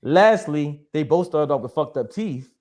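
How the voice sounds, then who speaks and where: A man's voice: on the high side, lively intonation, a little slow, a little mellow. A young man moderating a casual panel chat in a joking, blunt and profane way. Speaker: moderator of a discussion show.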